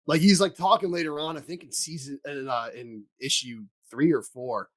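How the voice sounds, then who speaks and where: A man's voice: a little high, normal speed. A man hosting a podcast in casual chat, rambling with lots of fillers and restarts. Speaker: podcast host.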